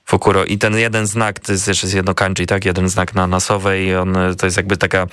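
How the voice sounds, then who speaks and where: A man co-hosting a radio show, chatting casually and hesitantly, with many filler sounds and pauses. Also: low-pitched, flat delivery, fairly bright tone, clear, resonant tone, no room sound, studio quality. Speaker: radio co-host. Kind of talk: casual radio chat about Japanese words. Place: radio studio.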